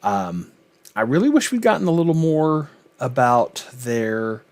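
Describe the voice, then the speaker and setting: A man's voice: medium pitch, big pitch swings, measured pace, darkish tone. A man hosting a sitcom reaction video, musing thoughtfully in a rambling, casual way. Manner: thoughtful, rambling, lots of filler. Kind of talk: casual commentary.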